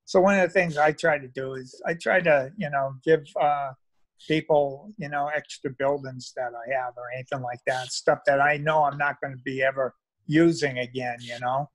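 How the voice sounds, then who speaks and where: An older retired man who builds model railroads talks casually about his hobby as a meetup guest, rambling and often trailing off into filler. His mid-range voice stays steady at a normal speed, captured dry on a phone held at arm's length during a video call.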